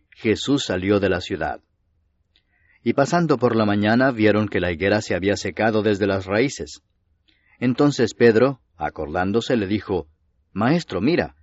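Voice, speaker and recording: A man reading scripture aloud in a steady, measured way. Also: on the low side, dry recording. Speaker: Bible reader. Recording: dull, dry lo-fi voice recording.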